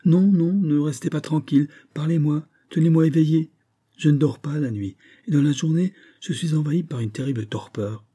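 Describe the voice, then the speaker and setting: A man's voice: mid-range voice, moderate pace, warm tone, husky, close to an everyday voice. A man voicing a proud, restless young society woman who speaks with impatient, imperious vehemence in an audiobook reading. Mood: feverish insistence.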